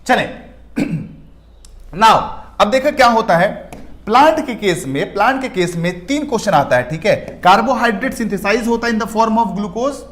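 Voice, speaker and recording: A man teaching biology for an exam, asking questions and answering them himself, stretching key terms slowly. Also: very high-pitched, a bit bright. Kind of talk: exam-prep lecture over slides.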